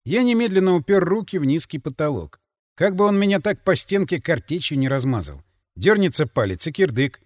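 A man's voice: on the high side, big pitch swings, a little fast, no room sound. A man narrating an audiobook with dry, wry asides. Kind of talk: scripted narration.

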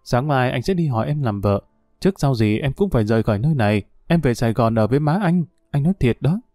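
A man voicing a gentle young soldier in a read-aloud story, speaking softly and earnestly with a warm, dark tone. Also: mid-range voice, expressive, quick pace, no room sound, studio quality, soft background music, lightly acted. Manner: soft, earnest dialogue reading.

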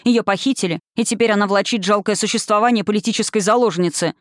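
A woman's voice: mid-range voice, fast, no room sound, clean studio sound, close to an everyday voice. Woman voicing a snarling, bitter witch. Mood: bitter, brooding. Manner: snarling, accusing, hissing. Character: bitter, menacing witch, woman, middle-aged.

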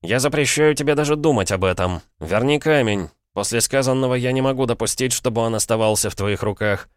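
A man's voice: mid-range voice, a little fast, clear, resonant tone, no echo, clean studio sound, pitched above the performer's own voice, close to an everyday voice. A man voicing a pompous, agitated father stuck in a boy's body, in an audiobook. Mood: furious. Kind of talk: audiobook character reading.

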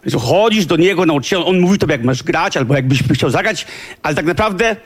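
A man speaking onstage at a concert in an informal, chatty way, with a slightly husky voice. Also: fairly high pitch, expressive, fairly quick. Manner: informal, chatty, warm toward colleagues. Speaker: musician hosting a concert. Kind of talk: onstage concert talk to the audience. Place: concert stage before an audience.

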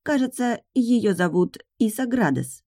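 A woman's voice: a little high, lively intonation, a little slow, dark tone, no echo, pitched above the performer's own voice. A woman voicing a small sardonic male dragon familiar who teases and lectures. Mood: teasing. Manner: teasing, dry, lecturing. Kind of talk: audiobook narration.

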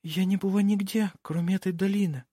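A man voicing a frightened young girl who pleads in a hushed whisper. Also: high-pitched, steady tone, brisk, slightly rough, dry recording, clean studio sound, pitched above the performer's own voice. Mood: hushed pleading.

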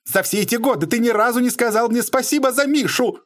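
A man's voice: on the high side, expressive, moderate pace, dry recording, studio quality, voice pushed up. A man voicing an imposing, theatrical middle-aged woman who shrieks and accuses. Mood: shrieking.

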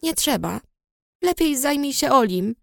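A woman's voice: sits high, expressive, unhurried, gravelly, no echo, clean studio sound, pitched above the performer's own voice, exaggerated voice. A woman reading the part of a hurt, bitter teenage girl who answers coldly and curtly. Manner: curt, bitter, trembling. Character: upset teenage girl friend, cold and hurt.

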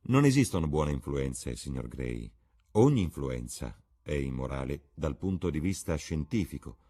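A man voicing a witty, cynical English lord who lectures with irony in a deep, husky voice. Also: sing-song, normal speed, mellow, full character voice. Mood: lecturing. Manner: ironic, lecturing. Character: witty aristocratic older gentleman, cynical, languid.

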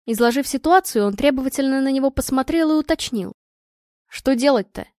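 A woman narrating a story in a lively, expressive reading. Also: high voice, quick pace, no room sound, clean studio sound. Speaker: audiobook narrator. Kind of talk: scripted narration.

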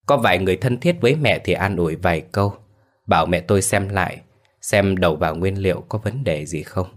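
A man narrating a ghost story in a somber, measured way. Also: low-pitched.

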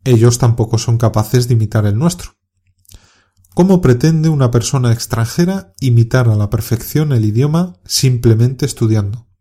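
A man with a Castilian Spanish accent reads a scripted podcast lesson for learners. His voice is mellow and warm, pitched in an ordinary middle range. He explains calmly and clearly and urges learners on. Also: normal speed. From Spain. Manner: calm, clear, encouraging explanation. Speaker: Spanish teacher.

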